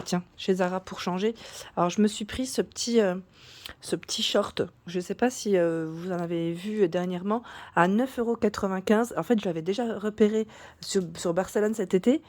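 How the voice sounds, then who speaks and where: A woman vlogger chatting casually through a shopping haul, full of fillers and restarts, her voice cracking and hoarse at times. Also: medium pitch, darkish tone. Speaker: YouTube vlogger.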